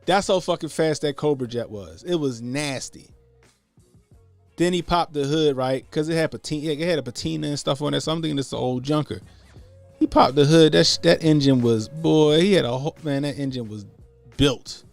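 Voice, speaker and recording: A podcast host in his late thirties from the Baltimore area, USA, tells laid-back, profane stories in casual conversation. His gravelly voice sits on the high side at normal speed, with soft music in the background.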